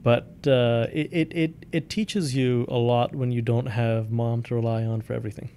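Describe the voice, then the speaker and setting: Gravelly man, thoughtful with many ums. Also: mid-range voice, fairly even intonation, normal speed, mellow, a little hiss or hum. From India. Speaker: company founder and CEO, guest. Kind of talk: interview answers.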